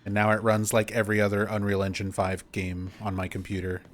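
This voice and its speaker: A man's voice: lowish voice, completely flat delivery, a little fast, a little hiss or hum. A man giving casual playthrough commentary as a game streamer. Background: faint game ambience.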